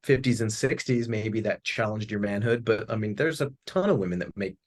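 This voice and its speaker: A man's voice: lowish voice, brisk. A man co-hosting a podcast, chatting casually, laughing often and retelling what others said. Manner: animated storyteller, laughs often, retells quotes. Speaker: podcast co-host. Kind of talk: casual conversation.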